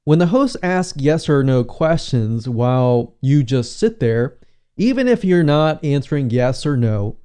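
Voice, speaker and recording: Mellow, smooth-voiced male webinar coach. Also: mid-range voice. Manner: conversational, repeats phrases, uses rhetorical questions. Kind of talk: instructional talk.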